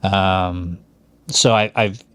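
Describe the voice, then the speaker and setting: Recounting his life on a podcast he co-hosts, a middle-aged Hawaiian man rambles casually, often restarting, correcting himself, and using fillers. His voice sits low and is steady, clear, resonant, and a bit bright as he speaks very slowly in a dry recording.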